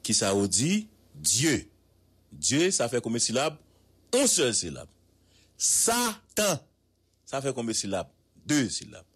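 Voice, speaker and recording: Husky, animated Haitian commentator man. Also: mid-range voice. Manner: emphatic, drawn-out repetitions, proverbs and rhetorical questions. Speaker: radio news commentator.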